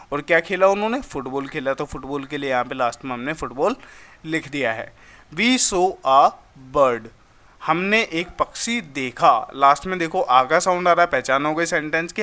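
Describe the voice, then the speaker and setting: A man explaining an English grammar lesson in a friendly, instructive way, reading example sentences slowly. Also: fairly high pitch, bright, forceful tone. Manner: addresses listeners as brother, slow drawn-out example sentences. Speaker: English teacher.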